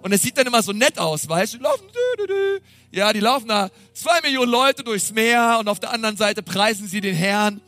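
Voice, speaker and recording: A middle-aged man delivers a sermon with excited, exclamatory energy, speaking straight to his listeners. His voice sits high and sounds bright and sharp. The sound is dry and close, with faint music underneath. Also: brisk, hardly any pauses, no echo. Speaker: pastor.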